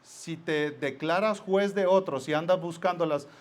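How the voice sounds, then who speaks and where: A man's voice: fairly high pitch, a little slow. A man preaching a sermon as pastor, telling stories and acting out little scenes as he goes. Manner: lively storytelling with acted-out asides.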